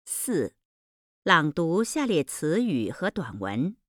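Very slow, deliberate woman reading drills. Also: deep voice, very animated, no echo, studio quality. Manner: deliberate, carefully enunciated word by word. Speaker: language lesson reader.

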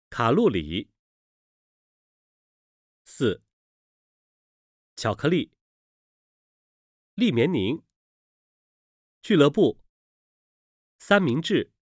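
A speaker slowly reading Mandarin pronunciation drills and example sentences from a textbook, with precise enunciation. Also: mid-range voice, no room sound, clean studio sound. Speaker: language lesson reader. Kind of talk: slow, careful textbook reading.

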